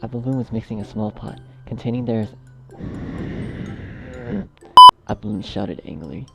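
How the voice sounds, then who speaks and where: A low-pitched, unhurried male voice with vocal fry narrates a story in outtakes, restarting sentences and swearing at himself in exasperated asides. He acts as both narrator and editor, sounding self-berating and sweary, while loud music plays over his voice.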